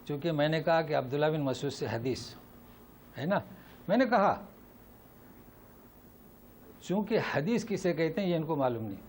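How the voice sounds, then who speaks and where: Man, Islamic teacher, Quran lesson, emphatic, repeats rhetorical questions, fairly high voice. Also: animated, long pauses, a little mellow, a little hiss or hum.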